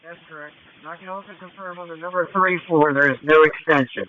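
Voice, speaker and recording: High-pitched male firefighter on radio. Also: fairly even intonation, fairly quick, slight background noise. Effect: two-way radio. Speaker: firefighter reporting to command. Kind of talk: fireground radio report. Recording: dull, band-limited radio transmission.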